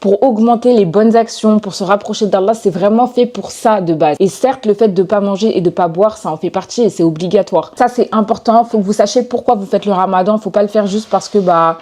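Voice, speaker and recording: Chatty young woman with mellow voice. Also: medium pitch, a little fast, hardly any pauses. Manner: chatty, informal, many fillers. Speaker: lifestyle vlogger. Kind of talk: casual vlog talk to camera.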